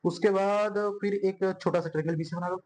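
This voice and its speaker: A man's voice: high voice, fairly even intonation, fast, darkish tone. A young man teaching a board-exam math lesson at a whiteboard, chatty and friendly, calling students bhai and yaar and repeating words as he draws.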